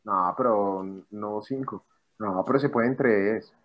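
A man's voice: on the low side, slow pace, highs cut off. A young Colombian man in a casual group chat, joking and stubbornly holding his point.

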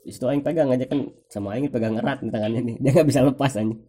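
A man's voice: mid-range voice, rapid-fire, slightly rough. A young man with a Sundanese accent, telling a personal anecdote in slangy, casual speech full of swearing. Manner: slangy, swears freely, animated retelling.

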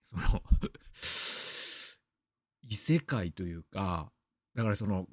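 A man's voice: low voice, extremely slow, no room sound, studio quality. A man from Aichi in Japan hosting a radio show, rambling through a casual monologue full of fillers and asides.

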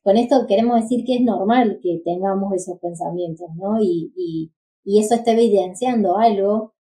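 A woman who co-hosts a faith-based podcast and talks in an earnest, reflective way. Her voice is very dark and mellow. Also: mid-range voice, normal speed, poor audio. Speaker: podcast co-host.

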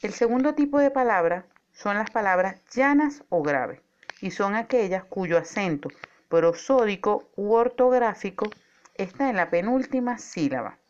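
Measured Spanish teacher, lo-fi sound. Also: female voice, medium pitch, lively intonation. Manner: clear, measured delivery, slowing down to stress key words. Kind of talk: scripted spoken grammar lesson.

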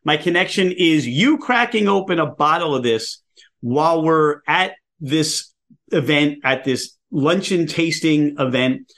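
A man's voice: on the high side, animated, unhurried, fairly bright tone. Enthusiastic man with a Philadelphia accent. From Philadelphia area, US. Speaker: podcast host. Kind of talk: casual podcast chat.

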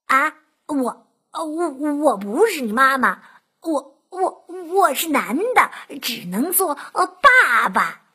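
A woman's voice: mid-range voice, very animated, slow, fairly bright tone, husky, pitched below the performer's own voice, exaggerated voice. A woman voicing a hungry, bumbling male fox in a children's story, sighing and stammering.

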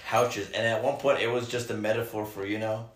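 Low-voiced crude joking young man. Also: fairly quick. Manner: crude joking, deadpan asides. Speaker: podcast co-host. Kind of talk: casual chat. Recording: roomy echo, faint noise.

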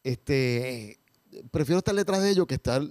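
A man, a comedian talking casually and reflectively with frequent pauses. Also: mid-range voice, expressive, a little mellow, dry recording, studio quality. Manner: measured, pauses often, reflective. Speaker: comedian and character performer. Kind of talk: casual conversation.

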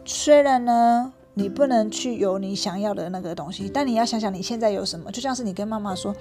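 A woman's voice: mid-range voice, fairly quick, dark tone, faint music behind. A woman telling a children's story aloud, chatty and asking her young listener questions, dropping in English words.

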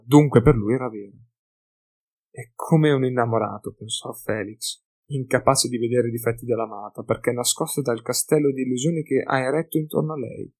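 A man's voice: mid-range voice, husky. Man narrating a fantasy audiobook.

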